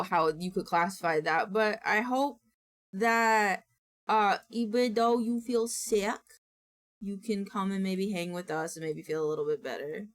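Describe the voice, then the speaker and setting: A woman livestreamer talking off the cuff to her chat at a middling pitch. She is playfully exasperated and swears casually, and her voice sounds somewhat worn from use. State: voice nearly gone from strain. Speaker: streamer.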